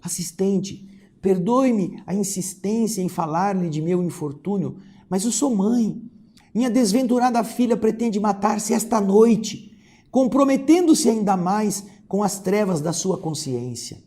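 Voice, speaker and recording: A man's voice: high-pitched, normal speed, few pauses, a little mellow, natural voice. A man voicing a woman's anguished spirit who pleads desperately for her daughter. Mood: pleading. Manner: desperate, sobbing pleas.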